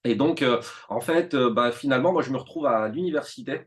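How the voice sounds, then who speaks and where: A man in his thirties, a teacher telling his school story in a relaxed interview, animated and full of fillers and restarts. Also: medium pitch, a little fast. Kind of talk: casual conversational interview.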